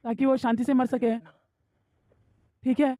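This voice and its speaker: A woman's voice: high voice, flat delivery, a little slow, warm tone, no echo. An actress dubbing a young woman who cries out in pain and pleads for help. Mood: urgent. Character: young woman in agony at a deathbed rite. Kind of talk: Hindi film dub.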